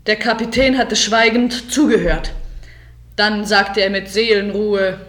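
A woman's voice: medium pitch, steady tone, unhurried, a bit bright. Woman narrating an adventure story. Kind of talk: scripted first-person story narration.

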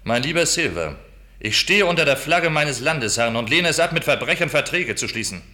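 An actor playing a stern, proud ship's captain in a radio play, speaking curtly and with contempt. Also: male voice, a little high, animated, a little fast, pushed and bright. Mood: stern refusal. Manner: curt, cold, contemptuous. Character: stern, proud male ship's captain, loyal to his king.

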